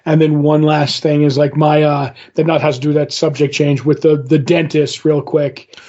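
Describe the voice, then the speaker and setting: A man in his fifties chats as a podcast co-host, his voice sitting high for a man. He rambles through anecdotes and acts out every line of dialogue, laughing easily as he goes. The recording is dull and lo-fi. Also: little pitch movement, moderate pace, mellow. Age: 50s. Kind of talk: casual chat.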